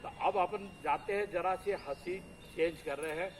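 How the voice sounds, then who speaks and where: A man's voice: high voice, normal speed, rough recording. A man leading a laughter yoga session, energetically coaxing the group to clap and laugh, recorded outdoors. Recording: crowd and outdoor traffic noise.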